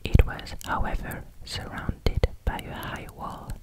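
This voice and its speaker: A native French speaker with a French accent reading in a hushed, close ASMR whisper, carefully and a little haltingly. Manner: careful, halting over difficult English words. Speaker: ASMR reader. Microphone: close microphone.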